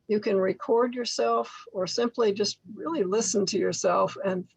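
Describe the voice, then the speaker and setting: An older woman teaching in a slide presentation, speaking slowly and enunciating carefully as she models speech sounds step by step. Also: mid-range voice, slightly rough, dry recording, highs cut off. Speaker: workshop instructor for literacy tutors. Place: indoor room at home, video call.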